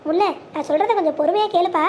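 A woman voicing a gentle young groom in a cartoon, pleading and soothing. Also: very high voice, racing, a little hiss or hum.

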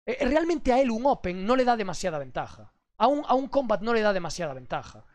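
A young man from streaming casually, crude and animated, swearing constantly as he talks to his chat. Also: sits high, fast talker, no room sound.

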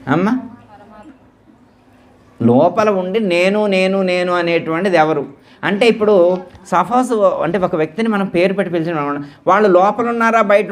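A man leading a devotional discourse at a temple gathering, slowly repeating words and quizzing his listeners with questions to check they follow. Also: high voice, fairly bright tone. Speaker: spiritual teacher.

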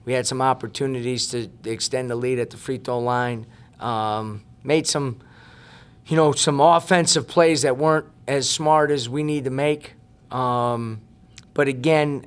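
A head basketball coach in his forties gives earnest, emphatic postgame answers into a table mic on a stand in the press room. His voice is medium-pitched, and he often repeats words as he thinks.

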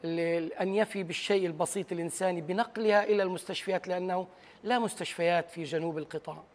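A Palestinian journalist in his forties speaks as a studio interview guest. The man has a high voice and gives a serious account, halting often as he searches for words. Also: steady tone. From Gaza. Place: large TV news studio. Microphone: lapel.

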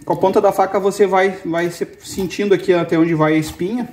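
In a kitchen with brick and wood walls, a fishing-channel host from Brazil, in his forties, gives a cooking demonstration on filleting a fish, calmly explaining each step and pointing out details. He speaks high-pitched and a little fast, with a bit of hiss or hum on the audio.

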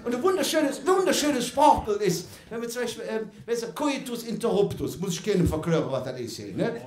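A man with a Cologne accent performs stand-up comedy in front of a live audience. His voice sits high and leaps around with big swings, and he keeps tagging "ne?" onto his lines. The room around him rings with a roomy echo. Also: sing-song, fairly quick, darkish tone. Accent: Cologne (Kölsch). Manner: chatty, keeps adding "ne?", laughs along. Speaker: comedian on stage.

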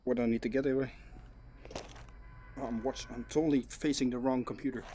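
A man's voice: medium pitch, steady tone, fast talker, dark tone. A man streaming a game with a teammate, swearing and laughing, casual chat.

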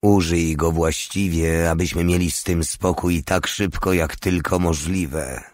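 A man voicing a hardened male legionnaire who speaks calmly and with cold practicality. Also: low voice, unhurried, no echo, studio quality. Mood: cool. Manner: calm, matter-of-fact, coldly practical.

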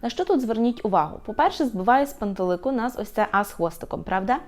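A woman teaching an online language lesson, patiently saying each word slowly and repeating it for practice. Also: a little high, animated, faint music behind.

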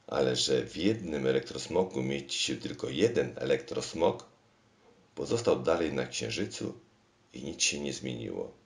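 A man reading a storybook aloud in a deliberate, expressive manner. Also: a bass voice, creaky. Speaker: narrator. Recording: roomy echo.

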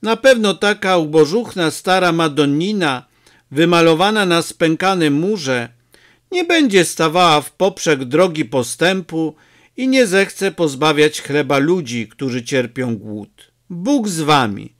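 A male narrator plays a burly, stubborn village priest with a good heart, earnest and persuasive. His voice rises and falls a great deal, and he speaks at an unhurried pace. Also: fairly high pitch, big pitch swings, a bit bright.

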